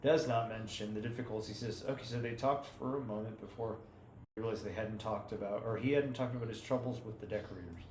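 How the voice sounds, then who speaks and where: A man reading aloud as practice, hesitant and halting, stopping often to correct himself. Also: on the low side, steady tone, a little mellow. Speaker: language learner reading aloud. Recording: roomy room with faint background noise.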